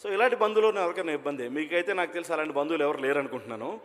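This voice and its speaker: A man's voice: on the high side, animated, rapid-fire, fairly bright tone. A man doing stand-up comedy as a mimicry entertainer, chatty and telling anecdotes while quizzing the crowd. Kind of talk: stand-up comedy with audience interaction. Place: event hall. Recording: long reverb of an event hall.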